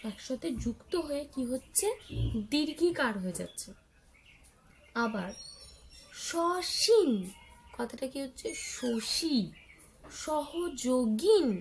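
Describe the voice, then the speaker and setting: A woman's voice: sits high, gravelly, slight background noise, rough recording. A woman teaching children a grammar lesson, explaining step by step, asking her pupils questions and drawing out example words. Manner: drawn-out word examples.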